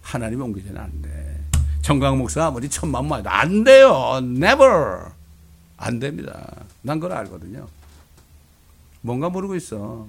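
A man's voice: medium pitch, big pitch swings, moderate pace, creaky, breathy edge. A male pastor preaching a fiery, blunt sermon, with coarse insults thrown in.

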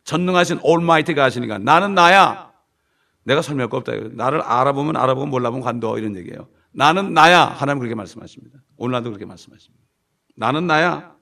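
A pastor preaches an emphatic sermon in a fast, mid-range, fairly bright voice, stretching out repeated phrases and dropping to a mutter at the ends of lines. He sounds distant and gravelly in the room recording.

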